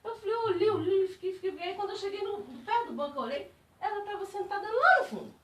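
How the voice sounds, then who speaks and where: A woman speaking as a spiritist, giving a personal testimony to a group in animated storytelling. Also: extremely high pitch, quick pace. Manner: animated storytelling, laughing while recalling. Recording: echoey room, distant mic.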